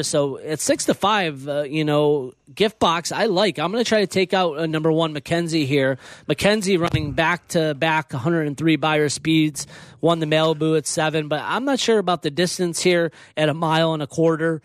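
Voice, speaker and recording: A man's voice: on the high side, normal speed, no room sound. A man giving horse racing picks on a talk show, eager and a bit hesitant. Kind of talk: casual radio talk show chat.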